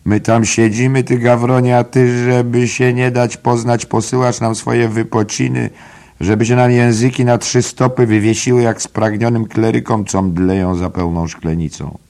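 A man's voice: mid-range voice, level tone, moderate pace, darkish tone, voice pushed up, lightly acted. A man doing a rowdy mocking jester. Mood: mock whining. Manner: mocking, theatrical, mock-archaic whining. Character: boisterous mocking young man, jesting and rowdy.

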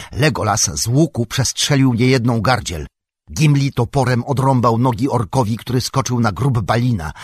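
Man reading fantasy audiobook, husky voice, dry close sound, dramatic pacing. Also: mid-range voice, no echo. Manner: dramatic, measured storytelling. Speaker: audiobook narrator. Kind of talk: scripted narration.

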